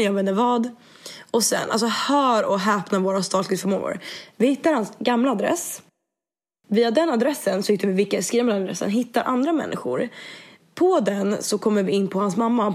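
A young woman with a speech impediment, casually retelling an event and acting out what everyone said. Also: medium pitch. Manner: animated, quotes others with "jag bara", swears freely. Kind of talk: casual storytelling chat.

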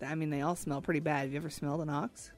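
A woman's voice: deep voice, fairly even intonation, very fast, faint music behind. A woman co-hosting in casual banter, teasing and playing along with mock puzzlement, repeating what was said to her. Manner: teasing, reacts to jokes with mock puzzlement and echoed punchlines. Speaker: co-host playing along with the jokes.

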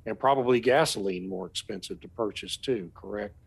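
A man's voice: on the low side, brisk, gravelly, slightly rough. A man talking conversationally as a panelist on a radio discussion.

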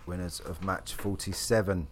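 A man's voice: sits low, fairly even intonation, normal speed, slight background noise. A man hosting a live sports draw, announcing each number as a fixture and chatting casually in between. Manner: repeats each drawn number as a match announcement.

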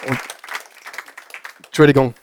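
A man preaching a sermon, talking informally to his congregation and sinking into soft whispers for emphasis. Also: unhurried, a faint crowd, a little hiss or hum. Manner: informal, addresses congregation directly. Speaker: pastor.

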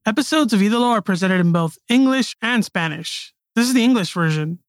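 A man's voice: sits high, lively intonation, a little fast, dry recording, clean studio sound. A man hosting a podcast, telling a true story in scripted documentary narration. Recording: music bed behind the voice.

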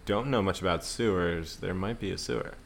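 A man's voice: low-pitched, fairly quick, gravelly. A man playing a tabletop game, talking casually and thinking aloud about plans. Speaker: player.

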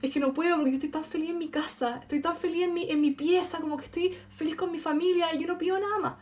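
A woman voicing a weepy, homesick personified Cancer moon in a soft, pleading tone. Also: very high-pitched, steady tone, quick pace, recorded from a distance, voice pushed up.

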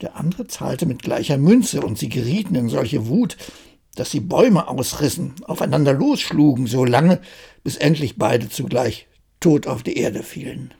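A storyteller reading a fairy tale aloud calmly as a bedtime story. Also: mid-range voice, vocal fry, slightly rough. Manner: slow, calm storytelling.

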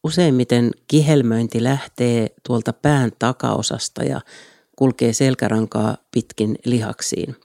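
A man hosting his own podcast, reading a scripted solo episode in a calm, even way from a small home studio. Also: medium pitch, creaky, no echo. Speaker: podcast host.

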